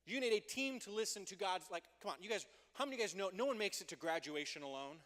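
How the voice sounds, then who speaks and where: A man preaching a youth group sermon as youth pastor, playful and energetic, joking with the teens before turning earnest. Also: sits high, quick pace. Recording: long hall reverb.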